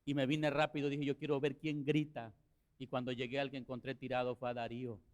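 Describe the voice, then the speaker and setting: A man preaching a sermon as pastor, telling a story with rising passion and quiet, slow passages. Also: medium pitch, flat delivery. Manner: impassioned preaching, swelling to shouts then dropping soft.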